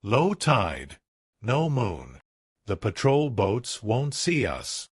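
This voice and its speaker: A man's voice: on the low side, huge pitch swings, very slow, husky, no echo, studio quality, heavily acted. A man voicing a stern, determined fisherman. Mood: resolute. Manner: firm, clipped.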